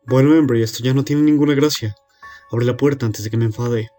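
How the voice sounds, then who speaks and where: A man's voice: medium pitch, steady tone, brisk, dark tone, soft background music, close to an everyday voice. A man voicing a monster who imitates a father, demanding sternly that the door be opened. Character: monster faking an impatient father.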